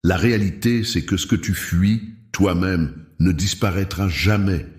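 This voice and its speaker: A man voicing a scornful male former companion from a dark past, with a sharp, mocking tone. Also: low-pitched, unhurried. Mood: cold, mocking. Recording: roomy echo.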